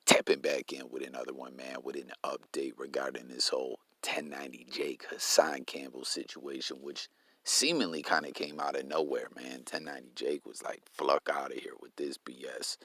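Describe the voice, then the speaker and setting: A man's voice: extremely low pitch, flat delivery, normal speed, pushed and bright, slightly rough, no echo. A man hosting a casual commentary vlog, laid-back and slang-heavy, often stumbling over his words. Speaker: commentary channel host.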